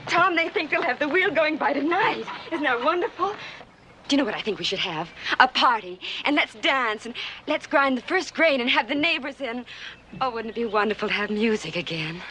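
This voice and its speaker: Earnest, high-voiced young frontier wife. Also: female voice, expressive, brisk, a crowd in the background. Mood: hopeful, excited. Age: young adult. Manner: earnest, pleading. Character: hopeful, earnest young frontier wife, wounded when accused. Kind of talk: period western television drama acting.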